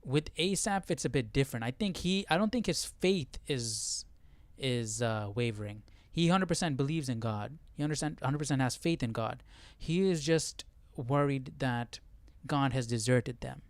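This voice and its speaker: This Bible study livestream host has a medium-pitched voice with lively intonation, speaking at normal speed with no echo. He goes through scripture informally for his viewers, stopping to check in with rhetorical questions.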